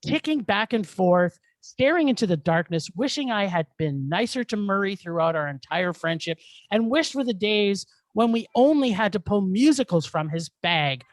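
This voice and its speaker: A woman's voice: medium pitch, animated, normal speed, no room sound. A woman co-hosting a film podcast, ranting with exasperation and plenty of swearing. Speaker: podcast co-host. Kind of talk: casual film review chat. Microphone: studio mic.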